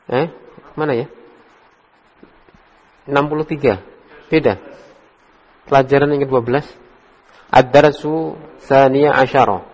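A man teaching an Arabic class in a relaxed way, correcting his students. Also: mid-range voice, unhurried, pauses often. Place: study hall. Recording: dull echoey hall recording.

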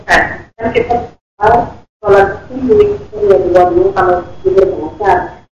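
A woman's voice: mid-range voice, a little mellow. Woman caller on a breaking-up phone line. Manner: halting, hesitant phrasing. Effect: choppy phone line that keeps breaking up. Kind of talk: call-in question to a radio preacher. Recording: echoey, distant, lo-fi phone call with faint noise.

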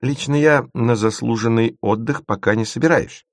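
A man reading an audiobook voices an excitable, joking boy. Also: mid-range voice, normal speed, no echo, clean studio sound, pitched above the performer's own voice, natural voice. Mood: excited. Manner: exclamatory, enthusiastic. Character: excitable boy, enthusiastic joker.

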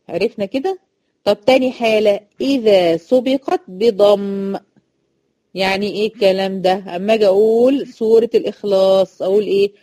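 A woman's voice: mid-range voice, warm tone, breathy edge, dry recording. Egyptian woman teaching Quran recitation. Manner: chatty, explains by repeating rules and asking quick check questions. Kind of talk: online recitation lesson to female students.

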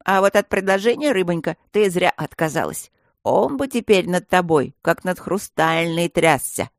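A man voicing a jolly, teasing male stone gargoyle who banters loudly in an audiobook. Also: high-pitched, lively intonation, moderate pace, vocal fry, dry recording, studio quality. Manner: loud, bantering, cheeky.

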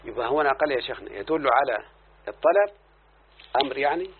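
A man's voice: medium pitch, expressive, fast, husky. Egyptian man teaching grammar over a tinny line. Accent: Egyptian Arabic. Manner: explains verses and checks in with his student. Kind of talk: classroom lesson on grammar. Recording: lo-fi phone-like recording with faint hiss.

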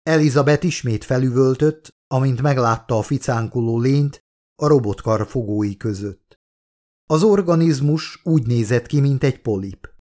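Steady male audiobook narrator. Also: medium pitch. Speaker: author reading his own book.

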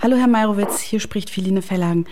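A woman in her forties narrates her radio documentary fast and mellow at medium pitch, speaking in the first person from a script with phone calls. Slight background noise can be heard.

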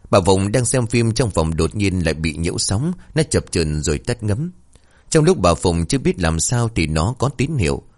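A man narrating a horror story in a steady, expressive storytelling manner. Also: deep voice.

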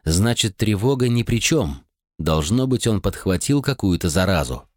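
A man narrating an audiobook in an expressive, dramatic reading. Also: fairly low pitch, moderate pace, no echo, clean studio sound. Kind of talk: scripted narration.

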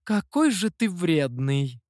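A man's voice: sits high, big pitch swings, slow, a bit bright, no echo, clean studio sound, full character voice. A man voicing a playful, vain fox demoness who teases and pouts in a storybook reading. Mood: indignant. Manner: teasing, coy.

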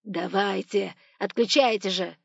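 Audiobook villain: a woman voicing a threatening male robber, loud, dry lo-fi sound. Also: mid-range voice, fairly even intonation, measured pace, gravelly, dry recording. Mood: menacing. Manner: shouting, threatening. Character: stern masked male robber, menacing.

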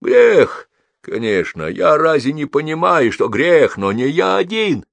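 A man's voice: a little high, very animated, a little slow, gravelly, dry recording, voice pushed up, exaggerated voice. Man voicing a sneering branded convict. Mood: bitter. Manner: mocking, loud, drawling. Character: scornful branded male convict, boastful killer.

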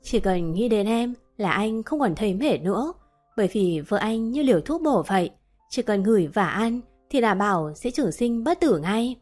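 A woman voicing a devoted young husband in a spoken story, speaking softly and earnestly. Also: medium pitch, expressive, moderate pace, faint music behind, close to an everyday voice. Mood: tender. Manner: tender, then stern when worried.

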